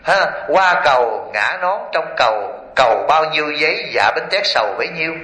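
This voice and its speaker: A Buddhist monk preaches to a gathered lay audience in a temple hall. His voice sits fairly high and sounds bright and forceful, and the hall adds a roomy echo. He chuckles as he tells his stories and keeps turning to his listeners with questions. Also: moderate pace, slight background noise. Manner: lively, keeps quizzing the audience with rhetorical questions; chuckles often while storytelling. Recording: echoey hall.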